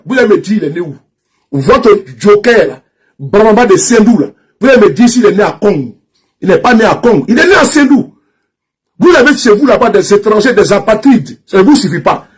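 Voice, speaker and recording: In a high, slightly rough voice, a social media commentator from Ivory Coast rants about politics directly to the camera with an Ivorian French accent. He's repetitive, mocking and insistent, frequently starting his sentences over.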